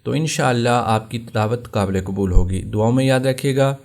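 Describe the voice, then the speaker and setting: A man with a Pakistani Urdu accent teaching Tajweed, explaining common mistakes and then reciting verses slowly and drawn out. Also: medium pitch, gravelly, a little mellow. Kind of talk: Tajweed lesson.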